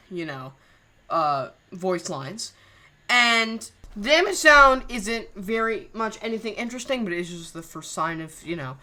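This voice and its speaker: A woman hosts her channel, chatting casually as she goes through scrapped voice lines. She rambles and throws in slang exclamations, her lowish voice sounding pushed and bright.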